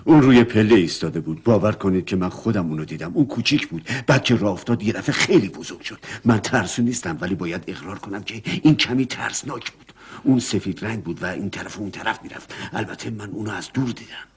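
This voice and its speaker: Jumpy household servant, dubbed cartoon, husky voice, lively pitch. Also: male voice. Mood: insistent. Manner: earnest, insistent.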